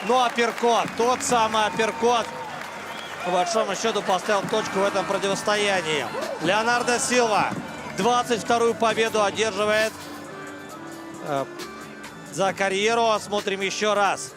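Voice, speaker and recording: A man's voice: high-pitched, moderate pace. A man giving live commentary on a mixed martial arts fight. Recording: loud crowd and music behind. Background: arena crowd and music.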